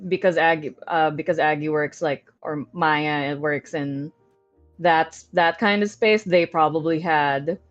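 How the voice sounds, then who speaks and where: Low-pitched woman chatting on a livestream. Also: steady tone, a little slow, no room sound, lo-fi sound, soft background music. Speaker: livestream co-host. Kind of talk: casual chat.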